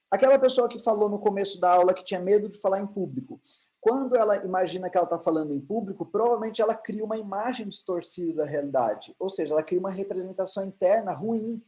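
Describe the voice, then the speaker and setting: In poor-quality audio, a high, mellow male voice with a Brazilian Portuguese accent lectures online about emotional intelligence. He frequently restarts, and he keeps asking rhetorical questions only to answer them himself.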